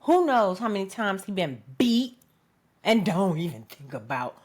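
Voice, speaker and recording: A woman's voice: mid-range voice, very animated, a little slow, a little mellow. Fiery, swearing woman commentator. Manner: emphatic, profane, keeps asking "okay?". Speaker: political commentator. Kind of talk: impassioned opinion monologue.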